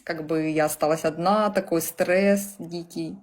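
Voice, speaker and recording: A woman's voice: on the low side, steady tone, a little slow, darkish tone. A woman in her thirties, a client on a video call, answering hesitantly and searching for words. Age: 30s. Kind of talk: casual conversation.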